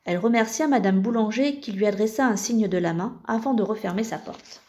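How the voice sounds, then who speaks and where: A woman narrates a children's novel in a calm, even storytelling manner. Her voice is dark and mellow. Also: medium pitch, a little fast. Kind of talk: scripted audiobook narration.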